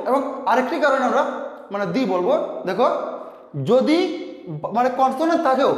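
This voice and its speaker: A teacher explaining a pronunciation rule to students, restating each point and often pausing on fillers. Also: medium pitch. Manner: repetitive, often restating rules with many fillers. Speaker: English teacher. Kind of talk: explaining a grammar lesson to students. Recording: very echoey room with long reverb.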